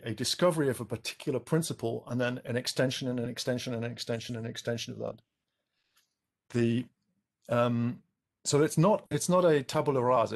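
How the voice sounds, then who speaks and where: A man's voice: medium pitch, gravelly. A man, an expert on a panel over a video call, explaining at length with many ums and restarts.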